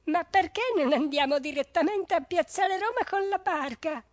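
A man doing a high, anxious young sheep. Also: normal speed, no echo. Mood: worried. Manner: worried, questioning.

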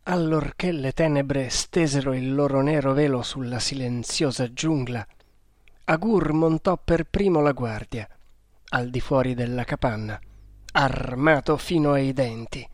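A man narrating an adventure storybook in a slow, deliberate reading. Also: mid-range voice, dry recording, studio quality. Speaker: audiobook narrator.

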